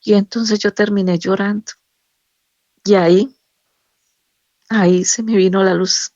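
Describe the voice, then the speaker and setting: A middle-aged woman, a nurse, giving a personal religious testimony in a halting, emotional way with many restarts. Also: medium pitch, steady tone, darkish tone, no room sound, muffled recording.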